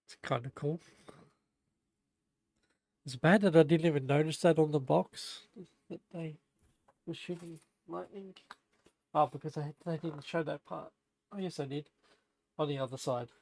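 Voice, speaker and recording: A man's voice: a little high, unhurried, gravelly, pauses often, darkish tone, no room sound. A young man chatting casually while building on a live stream, stumbling as he reads the manual aloud. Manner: chatty, self-deprecating, stumbles over reading. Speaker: livestreamer building a Lego set.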